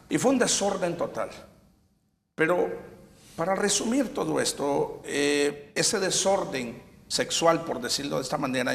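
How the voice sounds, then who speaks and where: A man giving a personal faith testimony, halting and repeating himself as he retells scenes. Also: on the high side, creaky, in a large hall. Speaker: testimony giver.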